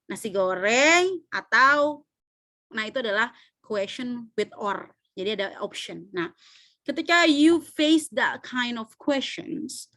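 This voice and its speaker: A woman's voice: on the high side, no echo, clean studio sound. A woman teaching English pronunciation in an online class, chatty, mixing languages and checking that students follow. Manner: switches between Indonesian and English, often checks students follow; chatty and loose, with many fillers. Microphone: video call.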